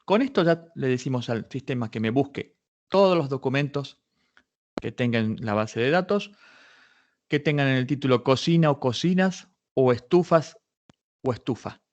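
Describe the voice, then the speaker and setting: A man teaches a live online patent search tutorial at a workshop, guiding listeners through a database search one step at a time. He thinks out loud, restarting and fixing his wording often. His mid-range voice is expressive and a little mellow at a moderate pace, though the audio sounds dull.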